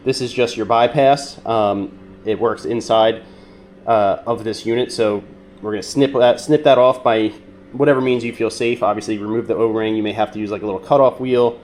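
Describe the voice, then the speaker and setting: A man with a nasal, congested voice from being sick, calmly walking through a repair step by step with frequent ums and uhs. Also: fairly low pitch, moderate pace, a little hiss or hum. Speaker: mechanic demonstrating a repair. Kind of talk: casual how-to demonstration.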